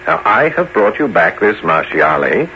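An actor playing a scheming, smooth-talking bishop in a radio costume drama, coaxing and conspiratorial. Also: male voice, fairly low pitch, sing-song, moderate pace, bright, forceful tone. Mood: coolly conspiratorial. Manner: conspiratorial, coaxing, hesitant "uh" interjections. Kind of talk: audio costume drama acting. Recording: muffled, noisy old radio-style recording.

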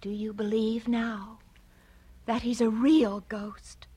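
An actress playing a tender-hearted young daughter who speaks in an earnest, pleading, compassionate way. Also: female voice, very high voice, unhurried, fairly bright tone. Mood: frightened.

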